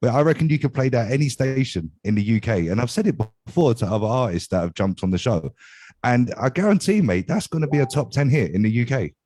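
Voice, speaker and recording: A man's voice: mid-range voice, big pitch swings, quick pace, warm tone, no room sound. A man co-hosting a casual interview podcast, talking with enthusiasm, hyping his guest and swearing freely. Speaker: podcast co-host and DJ. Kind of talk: casual chat.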